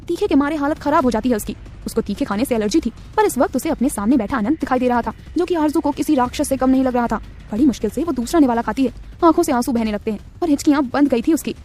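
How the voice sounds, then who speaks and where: Fast, high-voiced woman narrating a story. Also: slight background noise. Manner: quick, steady storytelling. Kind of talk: scripted narration of a romance audio story.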